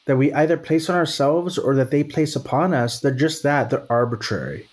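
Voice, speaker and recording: With lively intonation and a slightly high pitch, a man from Texas chats at a normal pace. He's thoughtful, often restarts his sentences, and keeps asking "right?"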